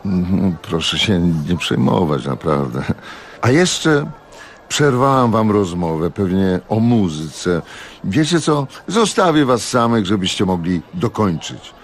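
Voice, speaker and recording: A man's voice: sits low, sing-song, takes it slowly, a little hiss or hum, exaggerated voice. A man voicing a touchy, theatrical glamorous woman. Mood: conciliatory. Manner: indignant, theatrical. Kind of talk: radio audiobook reading.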